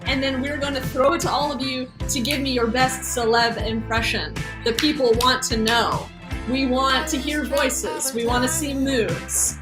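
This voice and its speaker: Upbeat woman game show host, high-ish voice, music behind. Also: steady tone. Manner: upbeat, brisk. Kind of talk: live online game show hosting. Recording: music under the voice.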